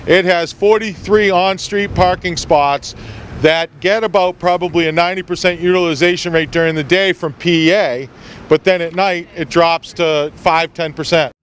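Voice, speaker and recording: A man's voice: fairly high pitch, steady tone, moderate pace. A middle-aged man leading a walking tour outdoors on a town street, explaining with lots of figures and fillers into a handheld mic. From New England. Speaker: tour guide. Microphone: handheld mic, filmed by a nearby camera. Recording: faint street noise outdoors.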